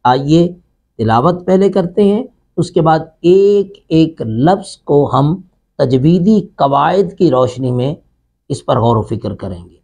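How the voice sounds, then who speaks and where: A man's voice: fairly high pitch, lively intonation, vocal fry, a little mellow. Male Quran teacher, patient step-by-step explainer, repeats each sound many times. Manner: explains tongue and teeth positions step by step. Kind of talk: online pronunciation lesson.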